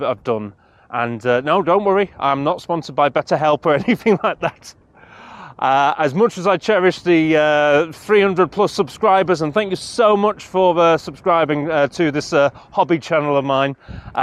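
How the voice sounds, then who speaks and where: A man vlogging outdoors on a mountainside into a camera on a monopod, talking in an earnest, halting, self-deprecating way. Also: fairly high pitch, dry recording. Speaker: hiking vlogger. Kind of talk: casual walking vlog chat.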